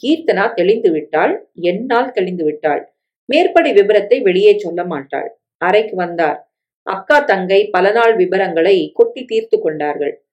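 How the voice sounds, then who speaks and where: A woman reading a family story aloud in a steady, plain way. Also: medium pitch, measured pace, lo-fi sound. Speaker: narrator.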